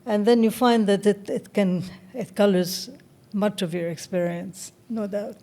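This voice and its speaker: A woman near seventy, originally from Egypt, tells her story in an interview. Her voice is soft and mellow, and her pitch sits in an ordinary middle range. She speaks slowly and thoughtfully, often pausing to find her words. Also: fairly even intonation. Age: around 70. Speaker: interview guest, writer. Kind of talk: reflective interview talk.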